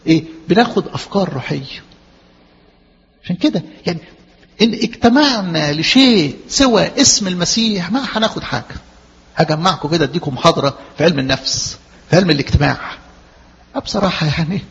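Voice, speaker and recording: An Egyptian man preaches in a brisk, chatty style, tossing rhetorical questions at his listeners. His high voice is gravelly and breathy. The recording is muffled and carries the long echo of a church hall. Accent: Egyptian Arabic. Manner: lively, conversational preaching with frequent rhetorical questions. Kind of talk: sermon.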